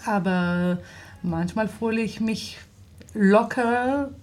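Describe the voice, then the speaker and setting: An Israeli actress and theater director with an Israeli accent speaks German slowly in a radio studio interview, searching for words and laughing often. Her voice is medium-pitched and a little mellow.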